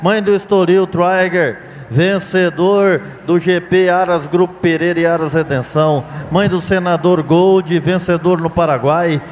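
A man's voice: high-pitched, fairly even intonation, a little slow, few pauses. A Brazilian man presenting lots as an auction commentator, formally listing achievements. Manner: formal, list-like delivery of achievements. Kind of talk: sales presentation, announcer commentary. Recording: long hall reverb.

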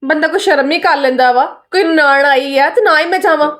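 A woman's voice: high voice, fairly quick, a bit bright. A woman playing a whiny demanding sister-in-law. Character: demanding young married sister-in-law visiting her parents' home. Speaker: sister-in-law in a family skit.

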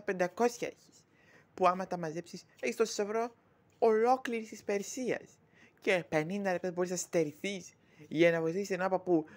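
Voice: medium pitch, lightly acted. A performer voicing an indignant young woman who scolds her stingy father in a Greek shadow-puppet play.

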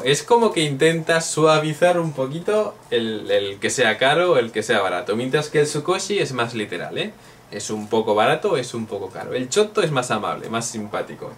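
A man's voice: medium pitch, a bit bright, far from the mic. A man from Spain, teaching a playful online Japanese lesson and drilling phrases aloud.

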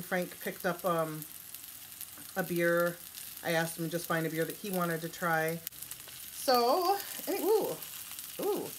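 A Wisconsin-accented, middle-aged woman vlogs herself cooking at home, rambling casually with many fillers from kitchen to dining table. Her voice sits lowish and a bit bright, and the rough recording carries a little hiss or hum.

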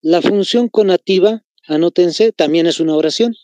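A male teacher with a Bolivian Spanish accent gives a lesson in a fairly high voice. He explains patiently, repeating key phrases for his students. The sound is dry and close. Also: normal speed, warm tone, dry recording, muffled recording. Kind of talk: online class lesson.

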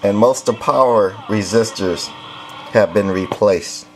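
A radio seller, a man with a fairly low, unhurried voice, gives a casual walk-through of equipment in terse, matter-of-fact phrases. He's recorded indoors from behind a camcorder, and the audio is poor.

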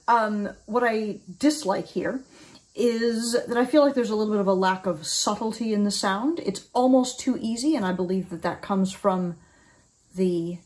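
A woman in her forties talks through oboe reed making in a thoughtful, explanatory way, pausing with ums and restarting phrases. Her voice sits at an ordinary middle pitch. She records in a small room at home in front of a desk camera. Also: a little mellow. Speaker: oboe teacher. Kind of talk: instructional video.

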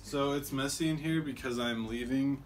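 A young man vlogging a casual tour of his shared house, hesitant and full of ums, with a dry deadpan humor, filmed on a handheld phone. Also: medium pitch, normal speed, a crowd in the background. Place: indoor shared house, tiled rooms. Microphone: handheld phone camera. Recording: echoey room with household noise.

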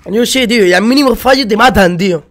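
A man's voice: high-pitched, fast talker, a bit bright. A man with a Spain Spanish accent giving live gameplay commentary, ranting in exasperation and swearing often. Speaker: gaming streamer.

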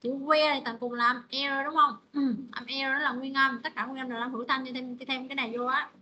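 A woman's voice: high voice, little pitch movement, fast, pushed and bright, slight background noise, rough recording. Woman teaching pronunciation. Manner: repeats phrases, calls on students by name. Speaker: English teacher. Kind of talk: online pronunciation class.

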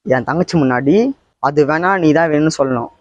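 A man's voice: on the high side, brisk, no room sound, dull audio, natural voice. A young man playing a boyfriend forced to choose between his girlfriend and his sister, who answers tersely and defensively. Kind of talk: amateur skit acting.

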